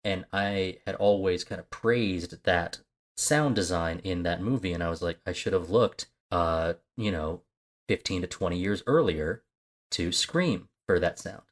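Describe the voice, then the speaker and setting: A man co-hosts a movie podcast, his voice low and his pace a little slow. The chat is easygoing and rambling, thick with fillers and restarts.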